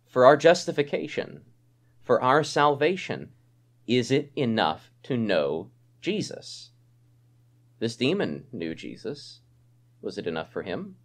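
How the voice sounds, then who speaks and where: A man preaching an expository sermon, animated and conversational, often checking in with a rhetorical "right?". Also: mid-range voice.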